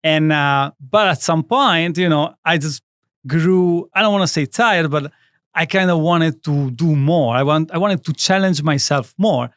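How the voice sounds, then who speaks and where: A man's voice: on the high side, unhurried, a bit bright, no room sound. A man in his thirties from Italy with an Italian accent, speaking Italian as his first language, telling his story as a guest in a studio interview in an earnest, rambling way. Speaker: guest, skincare brand founder. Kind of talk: interview conversation.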